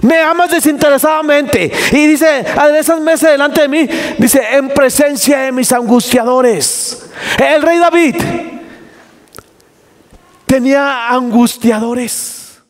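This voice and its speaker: Man, pastor, sermon, very high voice, shouted emphasis, church hall reverb. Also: slow. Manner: preaching with sudden shouted emphasis and asked questions.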